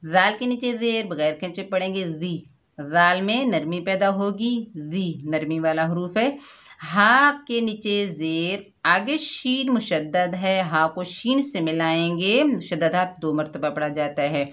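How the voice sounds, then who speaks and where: A woman teaching Quran recitation word by word, patient and explanatory, slowing to draw out each recited word. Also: on the low side, expressive, a bit bright. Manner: patient and explanatory, often adding a checking "theek hai"; slows and draws out the recited words. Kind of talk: slow word-by-word recitation lesson.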